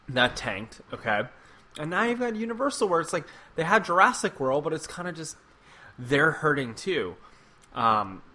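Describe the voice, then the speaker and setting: A man's voice: medium pitch, bright, forceful tone. A man co-hosting a podcast in casual chat, making points emphatically and with confidence. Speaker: podcast co-host.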